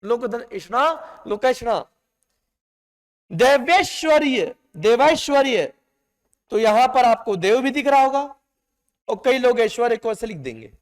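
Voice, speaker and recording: A man's voice: very high voice, expressive, moderate pace. A man teaching a class in a classroom, stretching out the words he stresses and calling his students "beta". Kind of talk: classroom lecture. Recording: long hall reverb.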